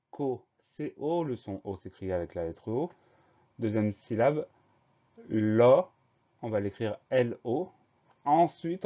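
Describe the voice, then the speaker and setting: Man, teacher, dictation lesson, spells letter by letter, low mellow voice, dull lo-fi sound. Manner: spells words letter by letter, patient and deliberate. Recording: dull lo-fi recording.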